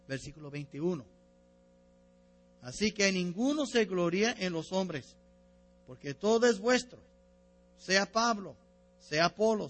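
High-voiced man preaching a sermon. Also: fairly bright tone. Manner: stumbles and corrects himself, repeats phrases; rises in pitch and force when reading scripture. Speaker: pastor.

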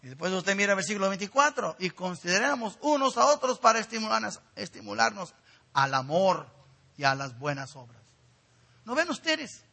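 A man delivering a sermon in a high, bright voice that climbs and falls emphasis. His tone is slightly husky. He urges his congregation directly and earnestly. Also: big pitch swings, moderate pace. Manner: preaching with rising emphasis and direct appeals to the congregation. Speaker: pastor.

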